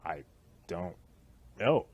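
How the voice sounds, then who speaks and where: Relaxed man hosting a dev stream. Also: deep voice, drawn-out words, husky, muffled recording. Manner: relaxed, reads out chat questions and answers them. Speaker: developer stream host. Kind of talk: casual livestream chat.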